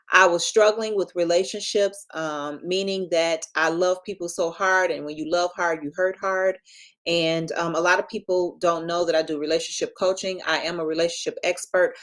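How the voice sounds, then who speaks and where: A woman in her fifties, a marriage and relationship coach, talking casually and in a lively way on a live stream. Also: fairly low pitch, normal speed. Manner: lively, chatty, self-deprecating asides.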